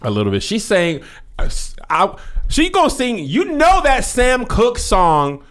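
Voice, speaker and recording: Man, podcast host, casual chat, playful, high voice, drawn-out delivery. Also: wildly swooping pitch, fairly bright tone. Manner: playful, breaks into falsetto singing.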